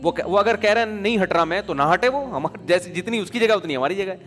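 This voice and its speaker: Brief: Pakistani-accented male preacher, fairly high voice, colloquial storyteller who acts out the people he quotes, long hall reverb. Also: animated, fairly bright tone, faint music behind. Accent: Pakistani Urdu. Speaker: Islamic preacher. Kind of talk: conversational sermon with anecdotes.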